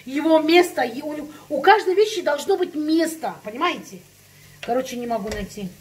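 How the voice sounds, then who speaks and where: A woman's voice: high voice, animated, a little fast, a little hiss or hum. A woman ranting in a casual chat to her viewers, heated and emphatic, repeating herself for effect. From Russian-speaking, living in Spain. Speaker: vlogger.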